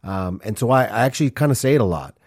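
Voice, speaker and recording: A man in his forties, born in Honduras and raised in Minnesota, hosts his own podcast with a casual solo monologue that's earnest and rambling, full of fillers and restarts. His medium-pitched voice has lively intonation, a quick pace, a slightly mellow tone, and a breathy edge. The sound is clean studio quality with no room sound.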